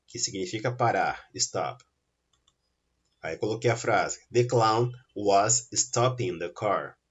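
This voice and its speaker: An English teacher with a Brazilian Portuguese accent walks through grammar rules step by step in a recorded lesson, frequently checking in with his students. His mid-range voice is husky, and the audio sounds dull.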